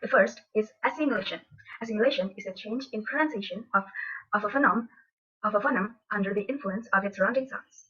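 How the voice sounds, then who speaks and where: Young female student, husky voice, lo-fi muffled recording, read-aloud class talk. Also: medium pitch, fast, a bit bright. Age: young adult. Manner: reads from notes, restarts words. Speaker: student presenter. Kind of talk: reading a class presentation.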